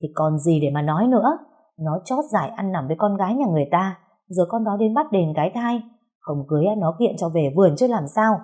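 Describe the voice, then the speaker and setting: A sharp-tongued older mother who sneers and bickers in defense of her son, voiced by a woman storyteller. Her voice is low and a little husky. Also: expressive, a little fast. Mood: dismissive. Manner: scornful, quarrelsome.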